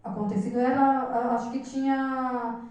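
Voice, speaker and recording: A woman's voice: sits high, little pitch movement, normal speed, a little mellow. A woman with a Brazilian Portuguese accent giving an earnest, repetitive church testimony, often addressing the congregation as brethren. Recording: echoey church hall from far off.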